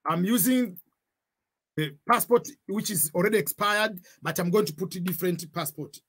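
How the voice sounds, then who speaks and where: A man's voice: high-pitched, moderate pace, a bit bright, husky. A man, walking viewers through a form in a screen-share tutorial and repeating examples with warnings. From Tanzania. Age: 40s. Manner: repeats points, gives examples, cautionary tone. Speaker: online tutor.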